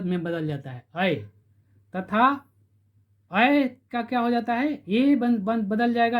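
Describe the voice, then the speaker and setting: Man, teacher, grammar lesson, repeats terms, slow drawn-out syllables, dull lo-fi recording. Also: high-pitched.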